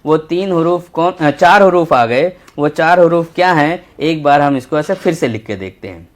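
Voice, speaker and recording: A man teaching a children's Urdu lesson, patient and slow, repeating each letter as he writes. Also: fairly high pitch, animated. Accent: Indian Urdu. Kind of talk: textbook lesson for young children.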